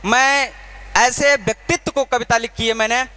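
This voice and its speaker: A man's voice: very high voice, fairly even intonation, normal speed, sharp tone, smooth. A man declaiming fiery patriotic poetry from a college stage, repeating his lines for emphasis. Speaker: poet. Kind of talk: live poetry recitation.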